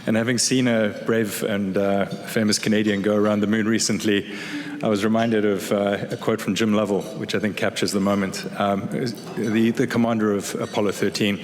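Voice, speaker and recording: A man's voice: on the low side, little pitch movement, normal speed. A man in his fifties giving a business keynote as a chief executive, with polished corporate enthusiasm. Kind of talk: semi-scripted business keynote speech. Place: large indoor event hall, on stage. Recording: echoey hall with clear background noise.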